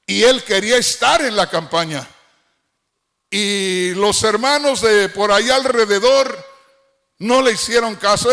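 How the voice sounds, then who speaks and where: A middle-aged man preaching a sermon, fervent, at times shouting and half-singing his phrases. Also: high voice.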